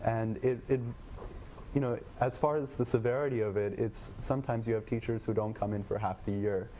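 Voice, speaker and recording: A young man with a low, dark and mellow voice, answering interview questions. He talks in a measured, thoughtful way, pausing with fillers. A faint hiss of noise sits behind him. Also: fairly even intonation. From Nepal. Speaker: guest, education tech company head.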